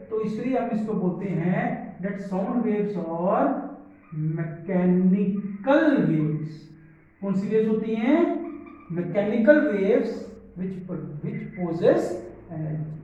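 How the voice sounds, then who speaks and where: A man teaching a class, asking questions and answering them himself, mixing English terms into his explanation. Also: high-pitched. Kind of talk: classroom lecture. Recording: echoey room, far mic, dull sound.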